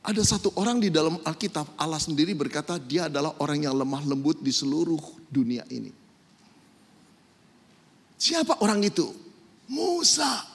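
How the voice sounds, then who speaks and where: A man preaches with a high, lively voice that jumps from loud emphasis to quiet asides. His tone is husky. The sound rings out in a hall with a long reverb. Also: moderate pace, pauses often. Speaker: pastor. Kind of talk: sermon.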